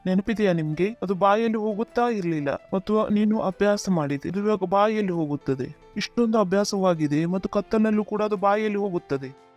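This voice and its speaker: Man, pastor, sermon, high voice, call-and-response preaching, faint music behind. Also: brisk, darkish tone. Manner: preaching with repeated "Praise the Lord" and call-and-response prompts.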